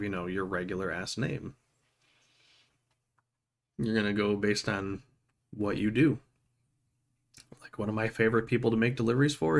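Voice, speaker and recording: A man giving a casual, unscripted video game review, rambling conversationally with informal, tongue-in-cheek humor and pausing to find his words. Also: lowish voice.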